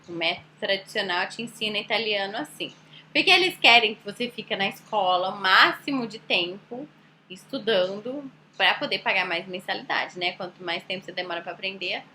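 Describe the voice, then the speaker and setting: A woman's voice: medium pitch, bright, forceful tone, slight background noise. A woman with a Brazilian Portuguese accent teaching an online language lesson, explaining patiently and asking rhetorical questions. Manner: explanatory, with rhetorical questions and slow demonstrations of words. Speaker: Italian teacher.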